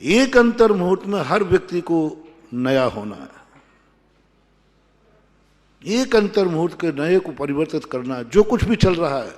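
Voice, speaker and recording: A male Jain monk delivers a sermon, slowing to repeat key phrases with strong emphasis. His voice sits somewhat high. It carries a long hall reverb. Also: big pitch swings, darkish tone. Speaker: Jain monk giving a discourse.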